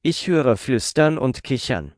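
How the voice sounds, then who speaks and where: A man slowly repeating short German phrases several times over, as a language drill. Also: mid-range voice, sing-song, darkish tone, no room sound, clean studio sound. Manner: slow, clearly spaced repetition of each phrase.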